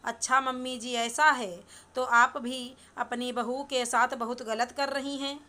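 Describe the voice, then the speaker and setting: A woman voicing a young son-in-law in a storybook reading, making his case in a calm, persuasive way. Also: high-pitched, unhurried. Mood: reasoning.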